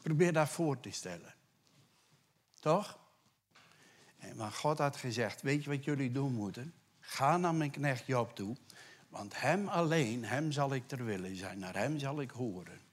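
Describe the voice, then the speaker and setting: Man preaching in a church, conversational, tag questions, hushed scripture quotes, loud emphatic peaks. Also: mid-range voice, unhurried. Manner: animated, rising to loud emphatic bursts, drops to hushed whispers for scripture quotes. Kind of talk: sermon.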